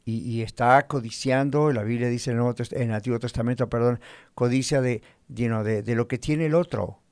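A man delivers a sermon in a measured teaching voice, pausing to pose rhetorical questions to the congregation. His pitch sits in an ordinary middle register. The sound is dry and close, with no room echo. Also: a little mellow, clean tone. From Spanish-speaking, living in the United States. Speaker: pastor.

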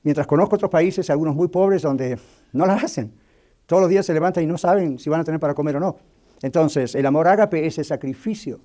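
A male pastor preaching a sermon with a mellow, warm tone and a somewhat high voice. He speaks emphatically and keeps checking in with his listeners. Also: brisk. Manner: emphatic, asks the congregation questions.

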